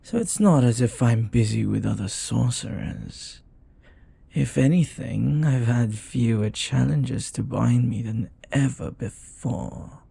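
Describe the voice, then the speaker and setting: In an intimate audio roleplay, a man voices a devoted demon who is jealous and flirty, speaking formally in a silky, breathy, possessive manner. His medium-pitched, mellow voice is heavily acted and carries no room sound.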